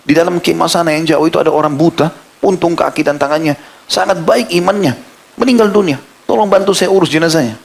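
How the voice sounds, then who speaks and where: Brief: preacher doing a baffled messenger, voice pushed up high, calling out in a rush. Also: male voice, fast, gravelly. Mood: urgent, puzzled. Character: bewildered man bringing bad news.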